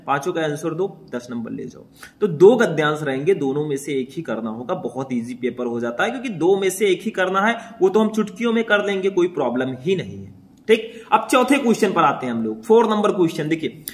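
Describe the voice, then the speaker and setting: A young man with a slightly high-pitched voice leads students through an exam paper. He talks briskly and reassuringly, and he checks in often with a quick "okay" to keep the class moving. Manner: brisk, addresses students as brother, frequent "theek" check-ins. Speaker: teacher. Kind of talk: exam paper walkthrough lesson.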